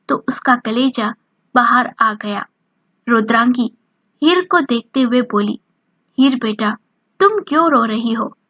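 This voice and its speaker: A woman narrating a romance story in a slow, even reading voice, lightly voicing the dialogue. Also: a little high, slightly rough, no room sound. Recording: dull lo-fi dry recording.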